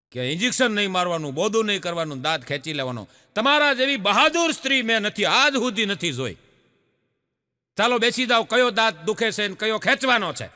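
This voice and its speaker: A man's voice: high-pitched, big-room sound. A man telling folk jokes on stage, acting out the voices of the people in his stories. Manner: lively storyteller, acts out characters' voices. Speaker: stand-up joke teller.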